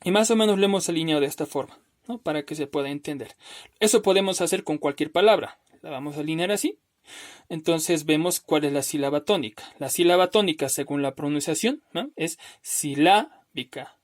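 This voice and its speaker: Patient man teaching word stress. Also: fairly high pitch. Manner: patient, explains step by step with frequent "¿no?"; stretches words slowly to stress syllables. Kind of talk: recorded spelling lesson.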